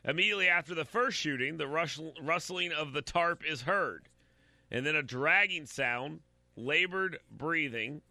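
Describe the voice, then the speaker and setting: A man's voice: a little high, lively intonation, a little slow, pushed and bright, dry recording. A man giving blunt, opinionated commentary while reading out a news story, talking straight to his audience and stumbling over repeated words.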